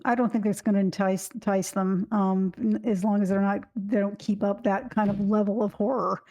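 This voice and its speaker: Female co-host, creaky mid-pitched voice, hesitant casual opinions. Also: steady tone, warm tone. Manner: measured, hesitant. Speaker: podcast co-host. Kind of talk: casual discussion.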